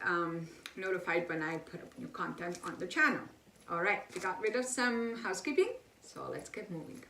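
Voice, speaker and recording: Woman, health channel host, chatty lecture, bright tone, echoey room off mic. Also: mid-range voice, recorded from a distance, slight background noise. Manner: chatty, explains with rhetorical questions and fillers. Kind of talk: explanatory video lecture.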